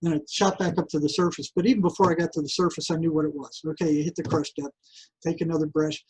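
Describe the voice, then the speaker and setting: A man's voice: fairly high pitch, quick pace, a little hiss or hum, low-quality recording. An older man, a guest psychotherapist, telling a long story in a casual interview with frequent restarts. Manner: animated, repetitive restarts, acts out voices.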